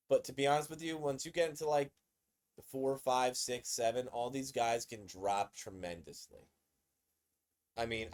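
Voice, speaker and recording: A man hosting a casual sports commentary video, excitable and conversational, often repeating himself. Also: fairly low pitch.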